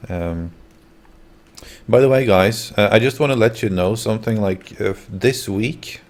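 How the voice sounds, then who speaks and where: A man's voice: lowish voice, measured pace, darkish tone. A man hosting a livestream, talking casually to his viewers and guests. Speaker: livestream host.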